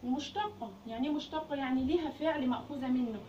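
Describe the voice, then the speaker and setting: A high-pitched, dark-toned woman races through a grammar lesson in an Egyptian Arabic accent, asking questions and then answering them herself. The recording sounds distant, roomy and muffled, with a faint hiss.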